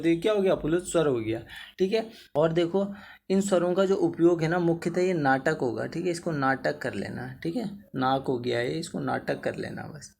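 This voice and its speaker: Gravelly male Hindi teacher, quite high-pitched. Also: a little mellow. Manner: addresses students as bhaiya, repeats "theek hai na"; drawls vowels to demonstrate length. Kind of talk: exam-prep grammar lesson.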